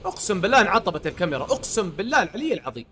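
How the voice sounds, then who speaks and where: A young man giving let's play commentary, pleading, cursing and reacting loudly to the game. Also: sits high, sing-song, rapid-fire, slight background noise. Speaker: gamer.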